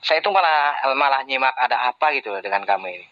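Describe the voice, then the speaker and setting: A man's voice: medium pitch, animated, fast. Man debating over voice chat, scornful, chuckles often; dull lo-fi audio. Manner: mocking, laughs between jabs. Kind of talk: heated online debate.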